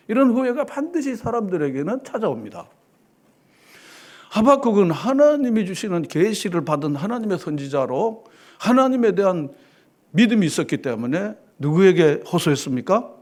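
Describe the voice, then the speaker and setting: A man preaching a sermon as pastor, fervent, swinging between loud declarations and quiet drops. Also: high-pitched. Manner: fervent preaching, rising and dropping dramatically.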